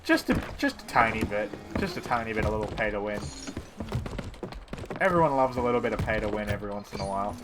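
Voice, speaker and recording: A fast-talking, expressive man with a lowish voice chats casually during a gameplay stream, teasing his viewers and muttering to himself by turns. Background noise is present.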